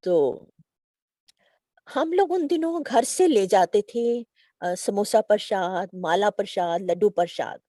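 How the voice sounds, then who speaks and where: A middle-aged woman, sharing a devotional testimony in a lively storytelling way, acting out quoted dialogue. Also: mid-range voice, slow pace, no echo, studio quality.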